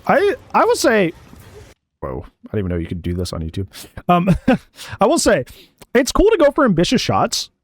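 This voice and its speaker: A man's voice: sits high, wildly swooping pitch, normal speed, long pauses, no room sound. A man giving blunt, sarcastic, chatty commentary as he reviews a player's match from home.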